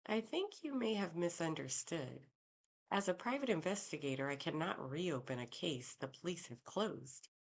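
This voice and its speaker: A woman's voice: fairly low pitch, lively intonation, moderate pace, creaky, pitched above the performer's own voice. A woman voicing a cautious, guarded female private investigator in an audiobook. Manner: careful and guarded.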